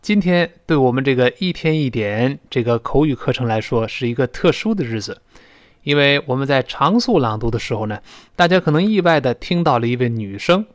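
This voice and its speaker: Lively male English teacher. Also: mid-range voice, no echo, studio quality. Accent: Mandarin Chinese. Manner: explains pronunciation, slowly modelling English phrases. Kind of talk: spoken English lesson.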